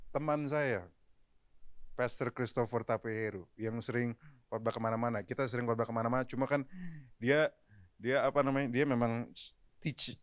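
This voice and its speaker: A man's voice: mid-range voice, dry recording, clean studio sound. A man preaching a sermon at a live church service, talking casually and addressing the congregation directly, often slipping English phrases into his talk. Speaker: pastor.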